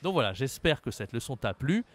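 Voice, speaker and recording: A very animated Frenchman with a medium-pitched voice runs a French lesson, talking right to the learner and slowly over-articulating each example word.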